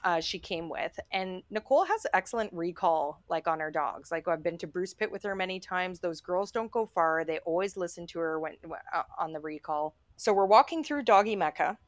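A woman chatting on a podcast, rambling through a story with lots of fillers. Her voice sits a little low and sounds close and dry. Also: normal speed, few pauses, dry recording. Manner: chatty, many "like" fillers, animated when quoting. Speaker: podcast co-host. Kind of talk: casual storytelling chat.

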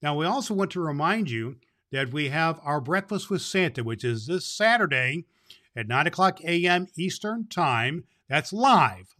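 A man acting as Santa Claus hosts and tells children stories with tender, emphatic repetition. His fairly high voice is pushed and bright.

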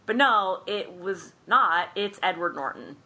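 Bright-voiced woman retelling a film plot. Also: medium pitch, unhurried. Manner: animated storyteller, acts out characters' lines, laughs often. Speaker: podcast co-host recapping a film. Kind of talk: casual chat.

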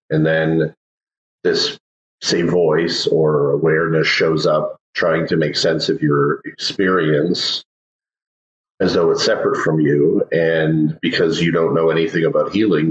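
A man hosting an interview, reflecting on and affirming what his guest says. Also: very deep voice. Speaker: podcast host. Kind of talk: conversational interview. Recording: echoey, dull lo-fi sound.

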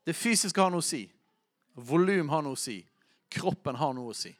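A man preaches a sermon in a fairly high voice. He stretches words slowly for emphasis and breaks into loud shouts at the high points. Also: lively intonation. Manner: preaching with bursts of shouting when quoting.

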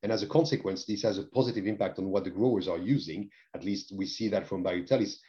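A man being interviewed, speaking in a thoughtful, measured way with some phrasing. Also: on the low side, dark tone. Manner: thoughtful, measured, with non-native phrasing and restarts. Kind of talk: conversational interview. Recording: dull lo-fi sound.

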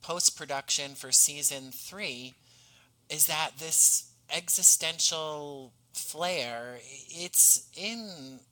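On a conversational podcast, a guest who writes and acts in audio dramas speaks in an earnest, effusive way. His voice is on the high side with a sharp tone and a very slow pace, and the recording quality is low.

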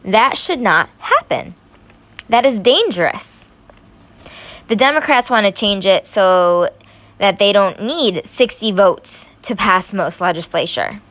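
A woman's voice: medium pitch, lively intonation, slow, a bit bright. Worked-up young woman giving political commentary. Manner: gets worked up and emphatic, stumbling over words. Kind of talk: casual opinion commentary.

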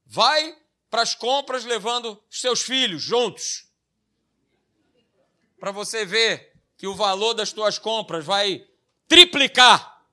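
A man's voice: sits high, takes it slowly, bright, forceful tone. A man with a Brazilian Portuguese accent preaching a sermon, stressing his points by repeating key phrases and checking in with tag questions.

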